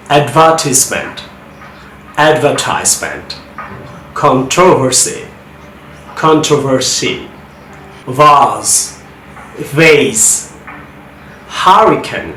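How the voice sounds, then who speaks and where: A man's voice: fairly high pitch, fairly bright tone. A man, a Bengali speaker, teaching English pronunciation and repeating each example word twice. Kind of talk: online language lesson. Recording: echoey room, faint background hiss.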